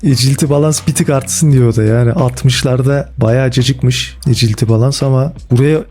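Excitable man with a mellow voice. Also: medium pitch, fairly quick. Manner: excitable, slangy, talks to viewers as "abi". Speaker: gaming YouTuber reviewing football game cards. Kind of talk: casual gameplay commentary. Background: faint background music.

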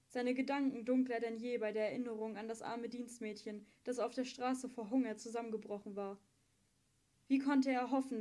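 A woman reading a novel aloud as an audiobook narrator, with steady, measured storytelling. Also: on the high side. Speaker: audiobook reader.

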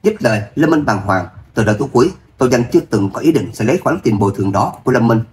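A man reading a serialized romance novel aloud. His narration is steady and even, moving the story along without fuss. His pitch sits in a middle range. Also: fast, slight background noise.

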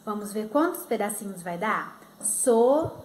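A woman with a Minas Gerais Brazilian accent teaching young children in a recorded lesson, slowly sounding out words. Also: mid-range voice, expressive, darkish tone, reverberant, slight background noise. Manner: slow, sounding out words for kids. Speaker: primary school teacher. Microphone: phone.

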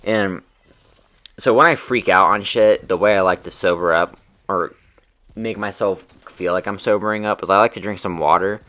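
Young man, low bright voice, rambling casual storyteller, lots of filler words and swearing. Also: normal speed.

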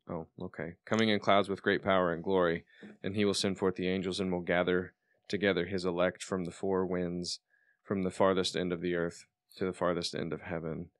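A man in his twenties co-hosting a podcast, thinking aloud with halting restarts and reading scripture aloud. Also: low voice, a bit bright, clear, resonant tone, no echo, studio quality. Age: 20s. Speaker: podcast co-host.

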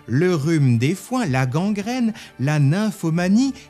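Man, history narration, lively pitch, emphatic quotes, faint music behind. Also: slow pace. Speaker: history video host. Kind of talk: scripted narration.

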